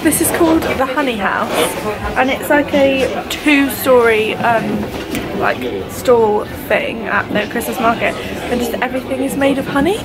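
A woman's voice: high voice, moderate pace, over loud music, poor audio. A young woman vlogging casually at an outdoor Christmas market, giggly and playful. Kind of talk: casual vlog chat. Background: loud crowd and street noise.

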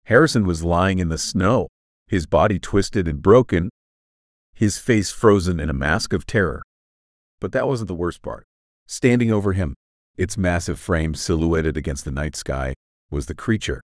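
A man's voice: low-pitched, expressive, moderate pace, no echo, clean studio sound. A man giving a scripted first-person horror narration, grave and suspenseful in his storytelling.

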